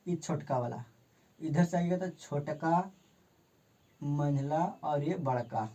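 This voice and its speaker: A teacher with a fairly high but dark-toned voice walks through a grammar lesson in a relaxed classroom style. He gestures toward the board and goes over each definition slowly, repeating it several times so it sticks.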